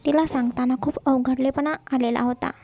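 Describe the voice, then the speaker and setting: A woman's voice: high voice, steady tone, fairly quick, mellow. A woman narrating a romantic serial story, chatty with her listeners.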